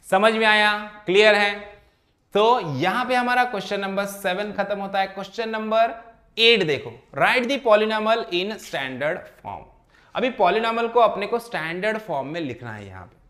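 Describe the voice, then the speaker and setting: High, bright-voiced male math teacher. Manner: keeps asking checking questions. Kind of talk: classroom lesson explanation.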